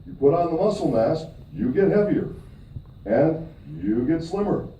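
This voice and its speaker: A middle-aged man from Michigan, USA, presenting at a company event, gives a seminar talk in a fairly high, animated, warm voice at an unhurried pace. He's emphatic, swinging upward on key points and often checking in with the room with "okay?" The recording is distant, echoey and dull, with faint noise.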